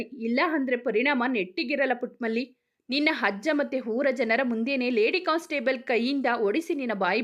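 A woman's voice: sits high, a bit bright. A woman voicing a tough male police officer who interrogates suspects in a commanding, threatening way.

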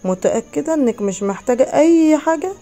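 A woman's voice: high voice, animated, brisk, mellow. A woman reading as a sly, menacing Egyptian stepfather. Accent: Egyptian Arabic. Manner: sly, threatening. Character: menacing predatory middle-aged stepfather.

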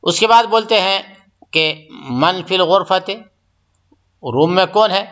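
A man's voice: high voice, slow pace, fairly bright tone, muffled recording. A man teaching a language lesson, patiently repeating each phrase and explaining it step by step. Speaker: Arabic teacher. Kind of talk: recorded grammar lesson.

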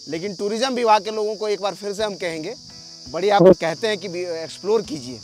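A man with a notably high voice talks viewers through a waterfall trip, filmed by a companion as he walks a forest path. His delivery is lively and direct, and he chats with passers-by along the way. Faint music sits underneath. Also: brisk. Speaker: travel vlogger. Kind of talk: on-location travel vlog commentary. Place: outdoors on a forest trail by a waterfall. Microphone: camera filmed by a companion while walking.

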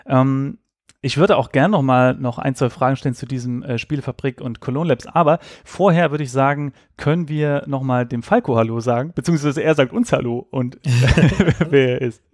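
A man's voice: medium pitch, normal speed, dry recording, clean studio sound. A man hosting a podcast interview, talking casually and hesitantly with fillers. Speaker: podcast host.

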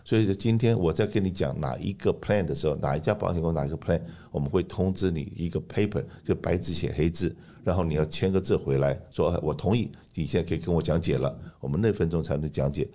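A man with an extremely low, mellow voice presents a radio talk segment. He explains in an emphatic way, repeating points and putting rhetorical questions to listeners. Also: fast talker, hardly any pauses. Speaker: radio host and insurance agent.

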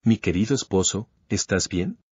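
A man voicing a gentle, caring young wife in a manhwa recap, speaking in a soft way. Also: low-pitched, normal speed, husky, no echo. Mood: worried.

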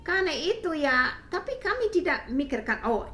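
A middle-aged woman speaks in a casual interview with a foreigner's Australian accent. Her voice sits fairly high and she pauses to find words. The room is echoey, with some faint noise behind her. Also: very animated, a bit bright. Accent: foreign, Australian-accented Indonesian. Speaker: interviewee, mother of the host. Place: small home room indoors, camera mic a few metres away.

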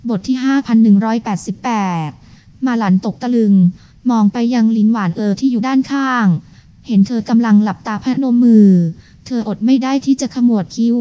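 A woman narrates a serialized novel at a steady, even pace. Her voice is fairly high and mellow, and the recording is dry and dull, with a lo-fi quality. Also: fairly quick, clear, resonant tone, no echo. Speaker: audiobook narrator.

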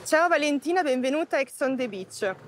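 A woman's voice: sits high, lively intonation, brisk, a little hiss or hum. A woman in her twenties, a reality show contestant, talking in a bubbly, giggly, playful way. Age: 20s. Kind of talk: reality TV confessional and chat. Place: outdoors by a pool, then a city square. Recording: music bed behind the voice.

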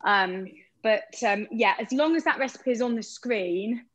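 A woman's voice: a little high, expressive, a little slow, fairly bright tone, lo-fi sound. A woman giving a live cooking demo over a video call from a kitchen, chatty and explaining step by step. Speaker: cooking appliance demonstrator.

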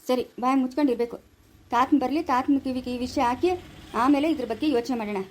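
A stern mother, played by a woman, barks orders and scolds in a homemade family drama. She speaks with a rural Karnataka Kannada accent. Her high voice rattles along fast. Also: steady tone. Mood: scolding. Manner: scolding, sharp commands. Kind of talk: amateur family drama skit.

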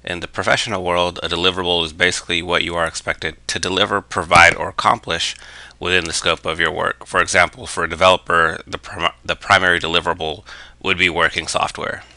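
Deep monotone guy narrating a drawn explainer, lots of ums, dry close sound. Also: quick pace, dry recording. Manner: steady, with frequent "um" fillers. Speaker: business analysis educator.

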